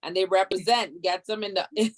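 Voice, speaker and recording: A woman's voice: medium pitch, normal speed. Upbeat Bahamian woman hosting a video call. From Grand Bahama, the Bahamas. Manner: upbeat, chatty, calls out names. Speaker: host, council chairman. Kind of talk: lively online event hosting.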